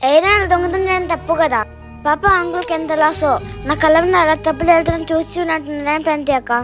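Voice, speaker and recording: A woman's voice: very high voice, steady tone, fast talker. A woman acting a blunt, cheeky girl in a skit, complaining and talking back. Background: music.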